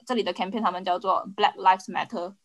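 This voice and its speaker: A woman's voice: mid-range voice, steady tone, a little fast. Woman, podcast co-host, casual, English words mixed in, hesitant phrasing. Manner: mixes English words into Mandarin. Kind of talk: casual discussion.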